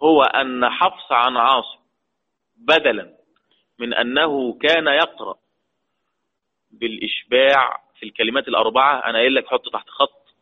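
A man with an Egyptian accent and a mid-range voice teaches the rules of Quran recitation, posing questions to the class and answering them himself. He speaks slowly, drawing out key terms, in a lecture that blends colloquial and formal Arabic, captured on tinny, phone-like lo-fi audio.

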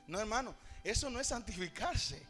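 A fervent man preaches in a very high voice, calling out to the congregation. He slips into sung and shouted lines. Faint music plays behind him. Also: expressive, moderate pace, big-room sound. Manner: fervent, calls to the congregation, sings and shouts phrases. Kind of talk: sermon.

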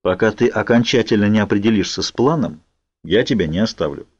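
A man's voice: fairly low pitch, expressive, a little fast, darkish tone, dry recording. Man voicing a curt, protective young man. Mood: commanding. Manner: curt, commanding. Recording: dull lo-fi audiobook recording.

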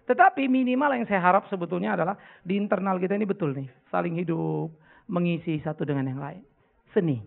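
Pastor guy, middle-aged, high gravelly voice, blunt jokey sermon, tinny phone-like sound. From North Sumatra, Indonesia. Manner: blunt, joking storyteller, swings between loud outbursts and quiet confession. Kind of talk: sermon with audience Q&A. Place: church hall before a congregation.

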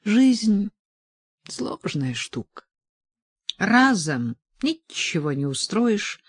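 Audiobook: narrator reading an insistent, well-off man arguing his case; lively intonation, dry close sound. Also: medium pitch, breathy edge, no room sound, full character voice. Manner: insistent, reasoning. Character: commanding wealthy man, persuasive lover. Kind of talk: audiobook dialogue.

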